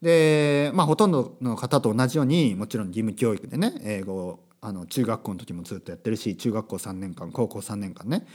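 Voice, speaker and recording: A man's voice: fairly low pitch, brisk, hardly any pauses, darkish tone. A man in his thirties hosting a casual solo podcast, chatty and rambling, often correcting himself mid-sentence. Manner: chatty, self-correcting, asks listeners rhetorical tags. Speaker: podcast host. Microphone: podcast microphone.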